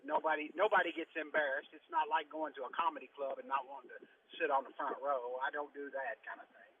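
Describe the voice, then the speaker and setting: A man's voice: on the high side, fairly even intonation, fast talker. A chatty magician and comedian on a call from his car, his voice muffled as if talking through a tube. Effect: muffled phone line, as if talking through a tube. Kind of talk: casual phone interview. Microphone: cell phone. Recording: tinny phone line with faint noise.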